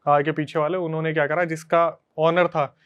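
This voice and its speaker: Man, podcast host, casual storytelling, animated, conversational, resonant voice. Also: on the high side, normal speed, clear, resonant tone, lo-fi sound. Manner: animated, conversational retelling to friends.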